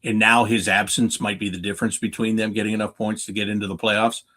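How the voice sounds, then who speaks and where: Speaking fast in a sharp, level, lowish voice, a North American man offers off-the-cuff sports analysis as a guest. He's a hockey play-by-play announcer, emphatic and prone to posing questions only to answer them himself.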